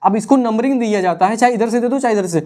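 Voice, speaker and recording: A man's voice: high-pitched, quick pace, darkish tone. A young man teaching a casual exam revision lesson, chatty, playing out imagined student questions and answers himself.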